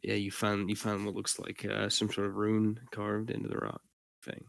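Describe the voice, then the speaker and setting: Gravelly, flat-voiced male game master. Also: on the low side, dry recording. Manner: halting, filler-laden narration. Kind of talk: narrating a tabletop game.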